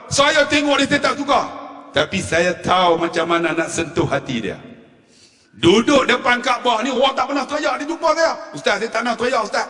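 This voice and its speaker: A man preaches in a very high, bright, forceful voice, joking and laughing along with the congregation. His animated storytelling rings with a long reverb through a mosque hall. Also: normal speed, distant mic. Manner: animated storytelling, laughing at his own jokes, repeatedly calling out to the audience. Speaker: religious preacher at a mosque forum. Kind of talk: humorous sermon addressing the congregation.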